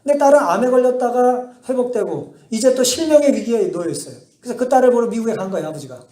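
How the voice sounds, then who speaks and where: Male pastor, high and mellow voice, sermon with rhetorical questions, echoey church hall. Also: lively intonation, quick pace. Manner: asks the congregation rhetorical questions and answers them; emphatic storytelling. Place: church sanctuary.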